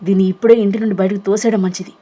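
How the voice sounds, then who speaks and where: A woman voicing a hard-hearted middle-aged mother who scolds and shouts in an audio novel reading. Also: mid-range voice, steady tone, rapid-fire, dull audio, lightly acted. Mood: shouting. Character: cruel harsh stepmother, middle-aged, hateful.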